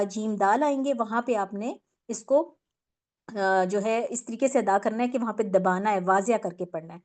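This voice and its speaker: A woman's voice: mid-range voice, darkish tone. A woman teaching a tajweed lesson on Quran recitation, explaining patiently step by step with many fillers and English words mixed in.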